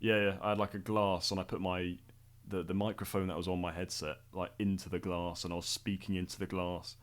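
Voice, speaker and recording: A man with a fairly low voice talks casually over his own video on a headset mic. He rambles, corrects himself and laughs at his own choices. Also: level tone, fairly quick. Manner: rambling, self-critical, laughs often. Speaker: video creator giving commentary. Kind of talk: casual commentary chat.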